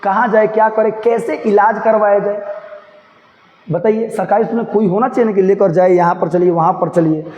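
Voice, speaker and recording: High-voiced male teacher explaining line by line. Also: steady tone, normal speed, darkish tone, lo-fi sound. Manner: repeats phrases, checks understanding, calls students "babu". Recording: echoey hall with faint noise.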